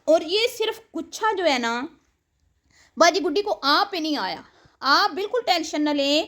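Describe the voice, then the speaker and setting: A woman's voice: high-pitched, lively intonation, fairly bright tone. A woman giving sarcastic, scolding reaction commentary and calling the viewer her sister. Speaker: online commentator reacting to other creators.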